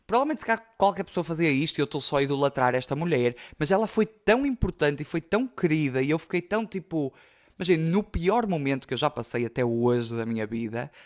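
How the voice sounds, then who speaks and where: A young man with a European Portuguese accent, hosting a podcast and telling personal stories in a chatty, emotional way full of fillers. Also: on the high side. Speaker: podcast host. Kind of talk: casual storytelling.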